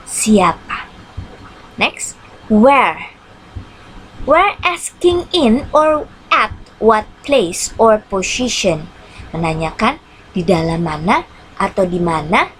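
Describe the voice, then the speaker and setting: Slow-talking woman teaching English. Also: mid-range voice, slight background noise, poor audio. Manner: repeats each English line in Indonesian, slow careful English. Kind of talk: online English lesson.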